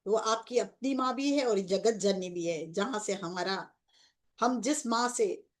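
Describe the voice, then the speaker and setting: A woman's voice: medium pitch, unhurried. A woman guiding a group meditation in a devotional tone, with English words mixed into her speech. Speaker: meditation guide. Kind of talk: guided meditation.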